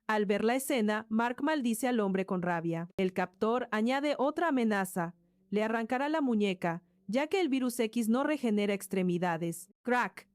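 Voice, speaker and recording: A woman's voice: fairly high pitch, animated, moderate pace, no room sound, studio quality. A woman narrating a story in a scripted way, voicing sound effects like crashes and thuds along the way.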